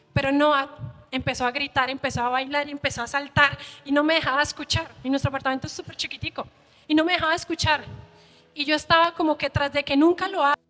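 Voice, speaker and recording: A woman's voice: sits high, a bit bright. A woman preacher telling a heartfelt, tearful personal testimony in a sermon. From Colombia. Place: church hall. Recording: long church hall reverb.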